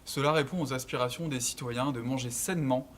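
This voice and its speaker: Earnest young man reading his pitch. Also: brisk, fairly bright tone, a little hiss or hum. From Lille area, northern France. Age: 20s. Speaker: entrepreneur presenting his project. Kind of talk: scripted pitch narration.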